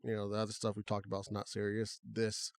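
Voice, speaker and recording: A man's voice: on the low side, fast talker, gravelly, dry recording. Man co-hosting a casual podcast, dry close mic. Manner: relaxed, conversational, talks through restarts. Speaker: podcast co-host.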